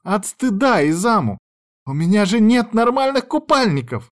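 A man voicing a dramatic, excitable teenage girl who is the narrator's younger sister. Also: mid-range voice, normal speed, pitched above the performer's own voice, natural voice. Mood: indignant. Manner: exclaiming, protesting, dramatic.

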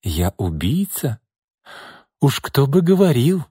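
A man voicing a vengeful woman who speaks coldly and mockingly, sometimes with a soft pleading tone. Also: mid-range voice, big pitch swings, unhurried, no echo, clean studio sound. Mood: icy mocking. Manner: pleading, then icy and mocking. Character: cold vengeful woman back from the dead.

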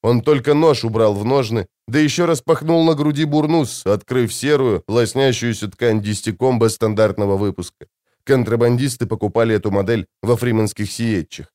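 A male audiobook narrator reading in an even, measured way at a middle pitch. The sound is close and dry, with no room around it. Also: no room sound. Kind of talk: scripted narration.

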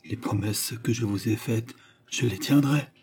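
A man's voice: mid-range voice, moderate pace, darkish tone, a little hiss or hum, close to an everyday voice. A man reading aloud and voicing an old, besotted duke who stammers and urges in a trembling manner. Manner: stammering, urgent.

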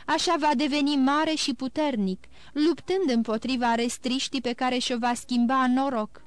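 A woman voicing a grave, composed nobleman count who speaks in a measured, formal and consoling way, in an audiobook. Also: sits high, clear, resonant tone, no echo, lightly acted. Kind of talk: audiobook character reading.

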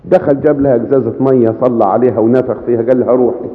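A man with an Egyptian accent preaching, telling stories lively and acting out dialogue. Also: medium pitch. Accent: Egyptian Arabic. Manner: lively storyteller, acting out dialogue, slowing for emphasis. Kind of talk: sermon storytelling. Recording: echoey hall, muffled lo-fi.

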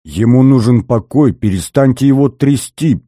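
A man's voice: medium pitch, lively intonation, normal speed, dark tone, no echo, studio quality, voice pushed up, natural voice. A man voicing a protective female nurse who cries out in alarmed, scolding exclamations.

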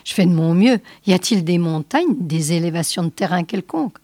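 A woman voicing a calm male spaceship commander in a storybook reading, steady and commanding. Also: lowish voice, a little fast, no echo, clean studio sound.

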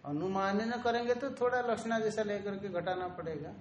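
A man teaching a traditional Vedanta lesson, explaining slowly, repeating key terms and drawing out Sanskrit quotations. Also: high voice, a little hiss or hum. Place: ashram room. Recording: echoey room, faint ambience.

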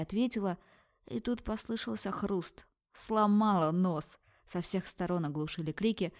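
A woman narrating a first-person novel aloud in brisk, vivid audiobook style. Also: lowish voice, a little mellow.

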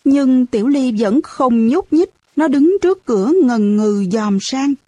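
A woman narrating a first-person storybook in a lively, expressive way. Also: high-pitched, measured pace, no echo. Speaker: audiobook narrator.

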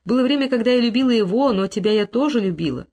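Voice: mid-range voice, expressive, fast, a little mellow, pitched above the performer's own voice. A reader voicing Daisy, a distressed young woman torn between two men who pleads in a tearful, pitiful voice in an audiobook. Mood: pleading.

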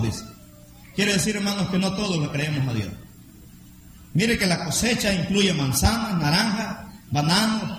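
A man preaching a rousing sermon to a congregation. He shouts out key lines and calls on the listeners to repeat after him. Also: high-pitched. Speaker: pastor. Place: church hall. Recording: very echoey hall with faint noise.

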